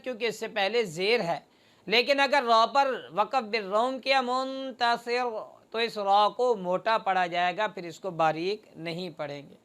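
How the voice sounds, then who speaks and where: A recitation teacher explains the rules in a methodical lesson, numbering each rule and drawing out the example words slowly. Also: mid-range voice, a bit bright, clear, resonant tone.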